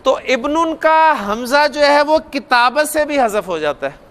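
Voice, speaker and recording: High-voiced man teaching grammar. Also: lively intonation, a little slow, fairly bright tone. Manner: explains step by step, repeats key points, asks the class questions. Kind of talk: classroom grammar lecture. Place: classroom or studio lecture.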